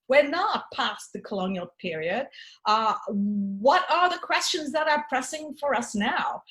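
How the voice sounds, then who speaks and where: A Tanzanian woman, the author and host of the event, introduces her book at an academic forum. She sounds thoughtful and searching, restarting often and using fillers, in a fairly high, bright voice on a rough recording.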